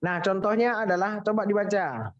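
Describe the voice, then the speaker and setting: A man's voice: high-pitched, animated, moderate pace, muffled recording. A man teaching English pronunciation in a playful, teasing way, drilling students and exclaiming at their mistakes in an online class. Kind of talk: teasing casual class instruction.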